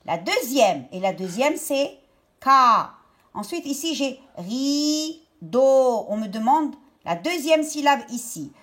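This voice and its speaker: A woman teacher talking young pupils through a worksheet step by step, stretching out each word slowly. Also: a little high, big pitch swings, darkish tone. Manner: slow, step-by-step, drawn-out words for young pupils. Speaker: primary school teacher. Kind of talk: remote lesson explaining a worksheet.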